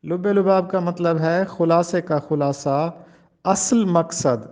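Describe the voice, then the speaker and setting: A male teacher giving a pronunciation lecture, enunciating each word carefully and deliberately. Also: on the high side, steady tone, a little mellow. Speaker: Urdu teacher.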